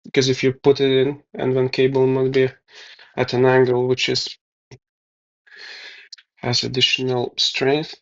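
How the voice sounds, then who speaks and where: Guy mumbling thru a repair, slow and flat, gravelly, kinda dull lo-fi sound. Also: mid-range voice. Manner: mumbling, thinking aloud with pauses and fillers. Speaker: DIY video maker. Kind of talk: casual narration over hands-on repair.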